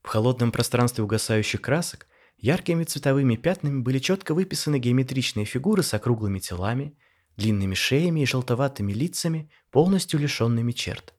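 A man narrating a scripted audio story in a measured, wry storyteller manner. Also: mid-range voice, lively intonation, a little mellow.

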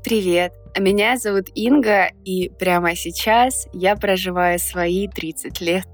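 A woman's voice: medium pitch, measured pace, faint music behind. A woman in her thirties co-hosting a podcast, speaking in a supportive, encouraging way in casual chat. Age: 30s. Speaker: podcast co-host.

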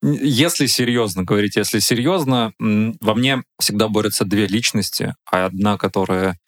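A man's voice: on the low side, normal speed. A man in his thirties, a podcast guest, speaking with wry humor and reflecting openly. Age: 30s. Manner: wry, joking, then reflective. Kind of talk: casual podcast chat.

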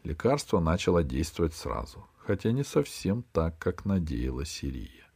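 A man narrating a children's adventure audiobook in an even storytelling manner. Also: deep voice, normal speed, husky. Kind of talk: scripted narration.

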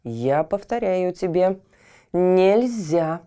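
A commanding Queen of Night from a fairy tale, put on by a woman storyteller, grave and weighty. She speaks slowly, in a low, mellow voice. Her warnings sound solemn and regal. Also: big pitch swings, full character voice. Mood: stern. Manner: stern and commanding, turning coaxing. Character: stern, regal Queen of Night guarding a door.

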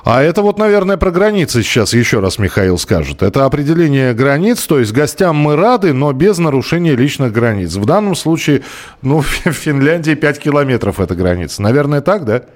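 A man's voice: medium pitch, sing-song, a little fast. A man hosts a talk show. He reads listener messages aloud and talks about them in an easy, conversational way, sometimes stumbling over a word. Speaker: radio show host.

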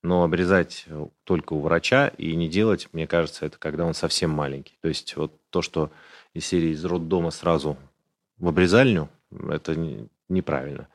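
A man's voice: a bass voice, steady tone, normal speed. A man, a urologist, explaining medical matters in a casual podcast conversation, matter-of-fact and detailed. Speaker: urologist guest.

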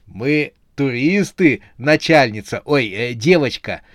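A man voicing a nervous bearded man who stumbles slowly through excuses in a storybook. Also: medium pitch, animated, no echo, clean studio sound. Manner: hesitant, slow, stumbling.

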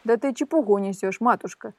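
A woman's voice: on the high side, fairly quick, no echo. A woman voicing a good-natured old fisherman who teases and scolds his wife in a fairy tale. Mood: scolding, teasing.

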